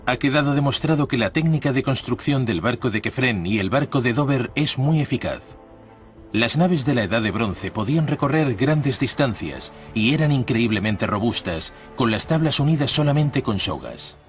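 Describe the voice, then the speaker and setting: A man giving a scripted documentary voice-over with a measured, formal delivery, recorded on a studio mic. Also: medium pitch, lively intonation, soft background music. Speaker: documentary narrator.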